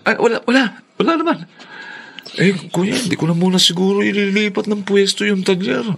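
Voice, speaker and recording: An actor playing a menacing middle-aged uncle who threatens and bullies his niece, swinging from low menace to loud outbursts. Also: fairly quick, gravelly, a little hiss or hum. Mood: nervously friendly. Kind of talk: dramatized story acting.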